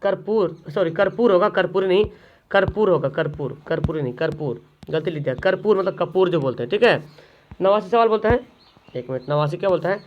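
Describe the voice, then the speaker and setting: A man's voice: sits high, lively intonation, fast talker, dull audio, a little hiss or hum. A man, tutoring students through exam questions, repeating each question and then answering it himself.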